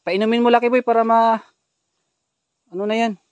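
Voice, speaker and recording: High-voiced, urgent ghost hunter. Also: male voice, little pitch movement, brisk, clean tone, no room sound. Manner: urgent, tense commands directing companions. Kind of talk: ghost-hunting vlog narration. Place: outdoors in a forest at night.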